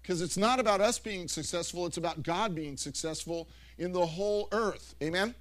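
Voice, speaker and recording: A middle-aged man preaching a sermon through animated stories, with frequent restarts and self-corrections. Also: high-pitched, moderate pace. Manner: rambling, animated storytelling with many restarts. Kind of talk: anecdotal sermon.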